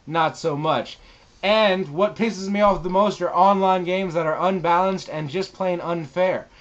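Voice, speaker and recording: A man with a somewhat high voice speaks as a gaming vlogger. He addresses viewers casually, with emphatic, showy delivery and plenty of casual swearing. The sound is slightly dull and lo-fi. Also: a bit bright. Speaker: gaming channel host. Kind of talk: casual vlog monologue to viewers.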